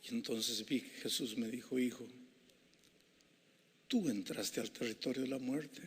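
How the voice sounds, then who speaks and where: A man preaching an evangelistic sermon, shifting between hushed, intimate passages and impassioned, rising climaxes. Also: medium pitch, breathy edge. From Peru. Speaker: pastor. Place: large civic center hall. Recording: reverberant civic hall.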